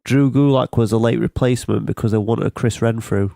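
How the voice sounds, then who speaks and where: A man's voice: mid-range voice, fairly even intonation, a little fast, creaky, warm tone, no room sound, clean studio sound. A man co-hosting a casual wrestling podcast, a bit hesitant with restarts. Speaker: podcast co-host.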